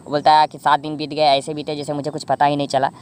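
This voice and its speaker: Brisk, monotone recap narrator from India, chatty and self-correcting. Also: mid-range voice, slight background noise. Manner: rambling, frequent self-corrections and fillers. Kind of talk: casual drama recap narration.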